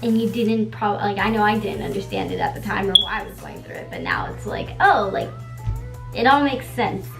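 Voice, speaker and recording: Over loud music and a rough recording, a native Spanish-speaking beauty vlogger in her twenties chats casually at home while doing her makeup, rambling with plenty of "like" and the occasional swear word. Her mid-range voice is sing-song with vocal fry and a moderate pace.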